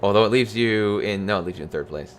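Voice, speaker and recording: Deep-voiced fast-talking stream co-host. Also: male voice, slight background noise. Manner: analytical, gently advising on plays. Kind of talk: casual live-stream game commentary.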